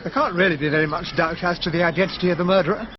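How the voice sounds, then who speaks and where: An actor playing an earnest, proper English army captain, a detective's loyal friend, in a radio drama. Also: male voice, sits high, very fast, highs cut off, background noise, natural voice. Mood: earnest concern. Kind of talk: radio drama dialogue and narration.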